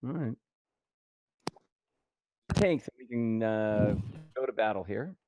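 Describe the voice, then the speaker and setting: A man co-casting a tank game match over voice chat, easygoing and quick to laugh. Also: lowish voice, expressive, darkish tone. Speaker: co-caster. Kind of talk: esports commentary.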